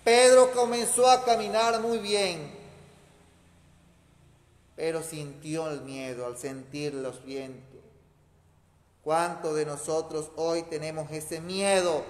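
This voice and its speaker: A man's voice: on the high side, steady tone, slow, pauses often. Male priest, emphatic homily, long church reverb. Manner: emphatic, repeats key phrases. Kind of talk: homily at mass.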